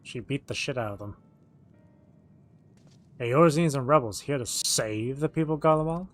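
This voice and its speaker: Guy streaming a game, reading all the dialogue out loud in character, middle pitch, bit of music behind. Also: normal speed. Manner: acts out the written dialogue as they read.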